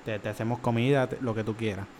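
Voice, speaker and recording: A man's voice: lowish voice, steady tone, fast talker, darkish tone, slight background noise. A young man with a Puerto Rican accent, joking and chiming in during a casual chat. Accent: Puerto Rican Spanish. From Puerto Rico. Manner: joking, playful, chimes in often.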